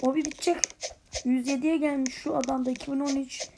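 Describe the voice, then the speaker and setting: A young woman chatting excitedly over her gameplay as a channel host, muttering and whispering to herself. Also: high-pitched, fast talker, background noise. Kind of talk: casual gameplay commentary.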